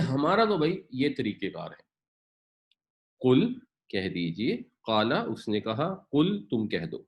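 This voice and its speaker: Male Quran teacher at a mid pitch, patient and explanatory, stretches out Arabic words slowly to teach them. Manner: mixes English words into his speech. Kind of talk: Urdu Quran lesson with word-by-word translation.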